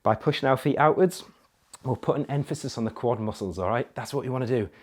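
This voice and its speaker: A man leads a workout demonstration, talking through each move in a mid-pitched voice. He checks in with the listener after nearly every point and keeps the cues practical. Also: fast, a little mellow. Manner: coaching with frequent "right?" and "okay?" check-ins; counts reps aloud while exercising. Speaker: fitness coach. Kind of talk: exercise demonstration.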